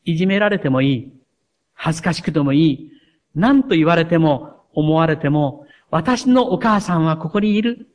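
Man, pastor, sermon, reads aloud, earnest and measured, a bit high-pitched. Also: animated, a little mellow.

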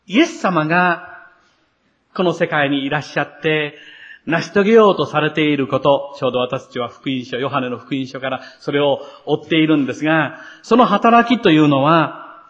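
A man preaching a sermon to his congregation in an earnest, expressive way, building to emphatic passages. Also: a little high, normal speed, highs cut off. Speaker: pastor.

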